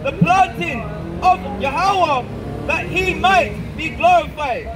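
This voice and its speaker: Guy reading verses slow, very high voice, stumbles a bit. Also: loud music behind the voice, a loud crowd, poor audio. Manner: measured reading with small stumbles. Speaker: scripture reader. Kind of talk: reading scripture aloud.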